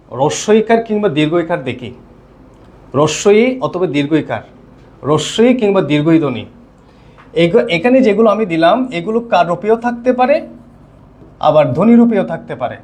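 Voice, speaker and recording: A man's voice: high-pitched, animated, moderate pace, pauses often, a little mellow. A male teacher with a Bangladeshi Bengali accent, explaining step by step in an online class and often checking that students follow.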